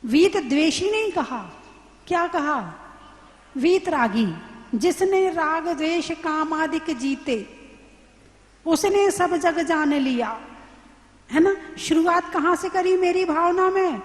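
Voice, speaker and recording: Woman nun preacher, high voice, slow teacherly delivery, echoey hall. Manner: questions the audience and answers herself; slow, teacherly explaining with examples. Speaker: Jain nun giving a sermon. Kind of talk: sermon. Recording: roomy hall with long reverb.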